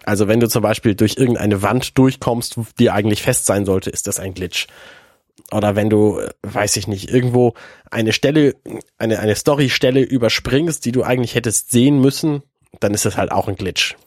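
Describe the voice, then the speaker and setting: A man in his thirties co-hosts a podcast, chatting casually about video games and sometimes searching for words. Ill with a stuffy nose, he sounds congested, his fairly low, slightly mellow voice moving at a moderate pace. The recording is studio quality with no echo.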